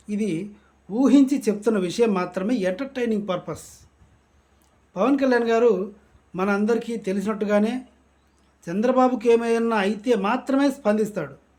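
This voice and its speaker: A man with a high-pitched voice delivers satirical political commentary. He talks in a mocking, sarcastic rant. He is from Andhra Pradesh. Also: darkish tone.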